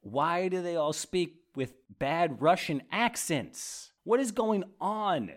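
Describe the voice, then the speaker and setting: A man's voice: high voice, lively intonation, slow. A man co-hosting a movie podcast, chatting casually with friends and ranting with sarcastic asides. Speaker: podcast co-host. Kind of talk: casual chat.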